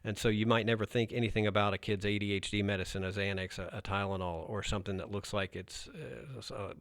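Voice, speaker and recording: Narcotics cop guy on a podcast, lowish voice, blunt and emphatic, dry close sound. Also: fairly even intonation, fast, fairly bright tone, dry recording. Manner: blunt, emphatic advice with frequent restarts. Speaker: narcotics officer. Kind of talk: podcast interview.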